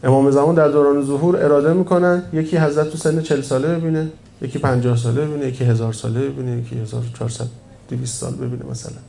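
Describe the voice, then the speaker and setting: A man delivers a religious lecture to a gathered audience, his voice mellow and dark. He speaks in an easy conversational way, yet drives points home by repeating phrases and posing rhetorical questions. A faint hum of noise sits behind him. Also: mid-range voice, steady tone, creaky.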